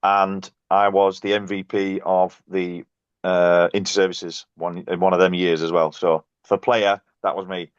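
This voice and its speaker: A man, a podcast guest and coach, telling self-mocking basketball stories in a casual, animated way. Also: low voice, a little slow, clear, resonant tone, no room sound. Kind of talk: casual storytelling. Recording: dull, dry, lo-fi sound.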